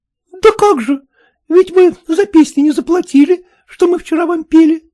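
A man's voice: moderate pace, warm tone, no echo, studio quality, faint music behind. A man voicing a group of young peasant girls who shrilly demand their pay. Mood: insistent. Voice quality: high and shrill.

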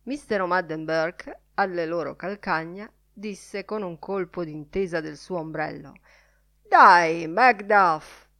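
Slow, low-voiced woman reading a novel. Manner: measured, unhurried reading with dramatic pauses. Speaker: audiobook reader. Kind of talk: literary audiobook narration.

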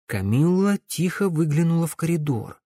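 A man narrating a dark fantasy audiobook in a measured storytelling manner. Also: fairly high pitch, very animated, husky, no echo, clean studio sound.

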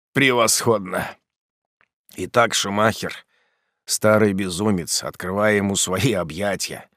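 A man voicing a bitter, vengeful old father in an audiobook, speaking gravely and low. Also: fairly bright tone, dry recording, clean studio sound. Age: older. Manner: grave, brooding, bursts into fury.

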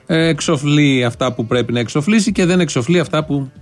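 A man's voice: on the high side, faint music behind. A man hosting a satirical show, giving ironic, mock-serious commentary and repeating phrases for effect. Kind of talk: sarcastic commentary.

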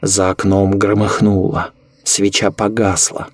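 Low-voiced man narrating horror. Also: completely flat delivery, dry recording, clean studio sound. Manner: measured, ominous storytelling.

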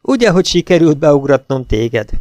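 A man's voice: on the high side, very animated, a little mellow, no room sound, voice pushed up. A man voicing a frightened young wife. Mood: mock teasing.

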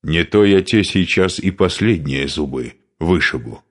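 A man doing a gruff warband leader. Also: low voice, lively intonation, a little slow. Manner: growling, curt.

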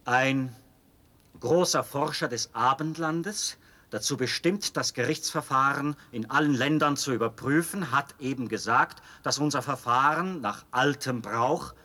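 A male actor with a husky, medium-pitched voice, pushed and bright, portrays a fanatically devoted officer in a German radio drama. His delivery is fervent and insistent, full of theatrical persuasion.

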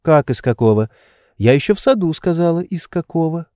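A man's voice: on the high side, lively intonation, fairly quick, a little mellow, no room sound, clean studio sound, pitched above the performer's own voice, close to an everyday voice. A man reading an audiobook, voicing a playful, teasing young woman with a capricious manner.

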